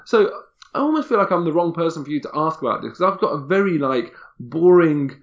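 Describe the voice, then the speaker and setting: A man's voice: fairly high pitch, expressive, fairly quick, dull audio. A man, a guest in a casual podcast conversation, talking candidly and emphatically, often repeating himself.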